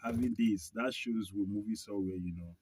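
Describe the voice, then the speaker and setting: A man with a Nigerian accent, a guest musician talking in a relaxed, easygoing way inside a car. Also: on the low side, a little fast, a little hiss or hum, poor audio. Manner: laid-back, peppers talk with "you know, bro". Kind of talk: casual podcast chat.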